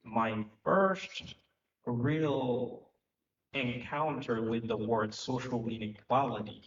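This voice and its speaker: A man, speaking earnestly and reflectively on a conference panel, pausing often with fillers. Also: medium pitch, a little hiss or hum. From Haiti. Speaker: panel speaker, economic development director. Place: conference hall at a live event. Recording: echoey, distant, muffled hall recording.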